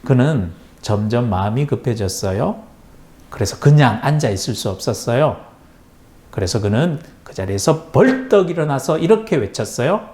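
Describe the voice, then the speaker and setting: A male pastor narrating a bible story for children. He tells it in an animated storybook way, full of sound words. His pitch rises and falls in wide sweeps. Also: normal speed.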